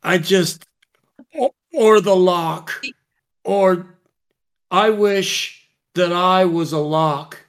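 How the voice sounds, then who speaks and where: A man player in a tabletop role-play, talking in a slow, drawn-out way. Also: sits high.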